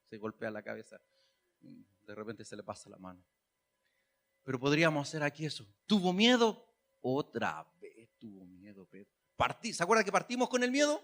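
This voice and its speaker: A man's voice: medium pitch, fairly bright tone. A man preaching a sermon, chatty and humorous, then rising to emphatic calls. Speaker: pastor.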